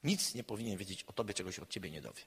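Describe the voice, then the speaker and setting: A man, a counselor, giving a public lecture in an emphatic way, swinging between loud and quiet. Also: low-pitched, animated, very fast, breathy edge. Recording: long hall reverb.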